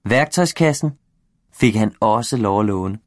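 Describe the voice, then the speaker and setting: A man narrating a children's storybook aloud. His voice is low and his reading gentle and expressive. The sound is close and dry. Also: dry recording. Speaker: reader.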